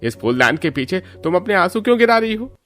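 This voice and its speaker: Man voicing a kind middle-aged cartoon father-in-law, reassuring, animated intonation. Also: high-pitched, a little fast, faint music behind. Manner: soothing, reassuring.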